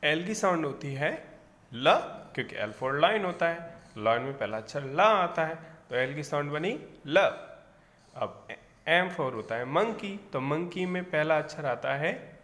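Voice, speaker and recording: A man teaching a phonics lesson at a very slow, careful pace, with a voice that sits a little high. He says each letter sound again and again and keeps asking "okay". The recording carries a long, echoing reverb. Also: lively intonation, fairly bright tone.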